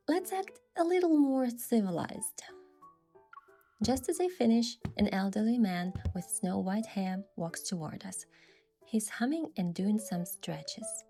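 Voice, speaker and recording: This woman's medium-pitched voice is animated, unhurried, and mellow. She is both narrator and lead character of a game event story, delivering scripted first-person narration with acted dialogue while music plays behind.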